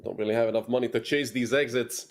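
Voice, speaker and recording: A man casting a competitive shooter match solo, giving quick play-by-play with dry asides. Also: medium pitch, fairly even intonation. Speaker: esports caster.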